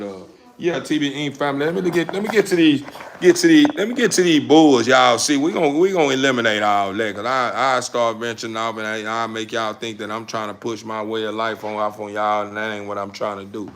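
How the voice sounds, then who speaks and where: A brisk American man with a lowish voice hosts a relaxed livestream for a dog breeder channel, rambling in a folksy, encouraging manner and repeating catchphrases. There's slight background noise.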